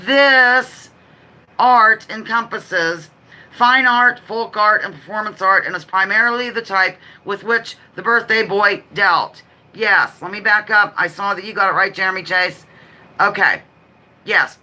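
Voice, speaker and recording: Bright, fast-talking woman quiz host. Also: medium pitch, low-quality recording. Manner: chatty, rambling, apologetic asides between questions; talks quickly. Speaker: livestream host running a trivia quiz. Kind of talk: casual live chat with read-out quiz questions.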